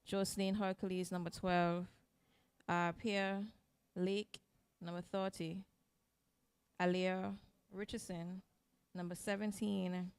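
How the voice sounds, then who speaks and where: A woman's voice: lowish voice, slow pace, pauses often, smooth. A woman co-commentator at a football match reading out the team lineup, with the odd filler. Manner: flat reading with small fillers.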